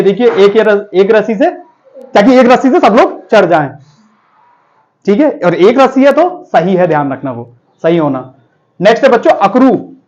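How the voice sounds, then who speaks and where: High-voiced man teaching vocabulary. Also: a little mellow, dull audio. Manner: explains word meanings with memory tricks, asks the class questions. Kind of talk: classroom vocabulary lesson.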